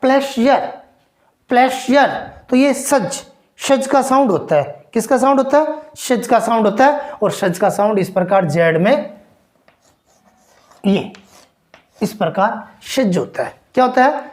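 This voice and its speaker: Slow-paced woman teaching English sounds. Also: a little high, expressive, a little mellow. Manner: slow, repeats each sound and quizzes listeners. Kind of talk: classroom lesson on phonetics.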